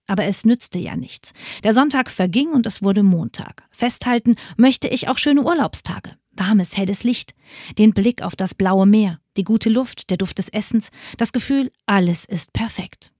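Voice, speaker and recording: A woman's voice: mid-range voice, a little slow, a little mellow, slightly rough, no room sound, studio quality. A woman giving a scripted spiritual reflection, speaking in a personal, earnest way. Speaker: devotional speaker.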